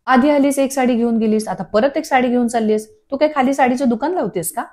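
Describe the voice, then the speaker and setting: A woman's voice: high voice, quick pace, a little mellow, natural voice. A woman voicing a teasing, attention-seeking young husband who speaks mock-dramatically.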